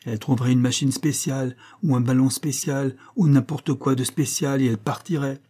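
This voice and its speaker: A man's voice: mid-range voice, fairly quick, slightly rough, lightly acted. A man reading aloud and voicing a hearty, blustering young husband in an audiobook. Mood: exasperated. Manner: excited, blustering.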